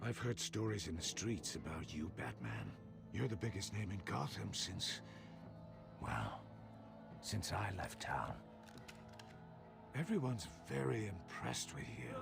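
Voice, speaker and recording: An actor playing a taunting, theatrical riddling villain in a video game, menacing and deliberate. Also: male voice, deep voice, very animated, gravelly, music in the background, heavily acted. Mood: scornful.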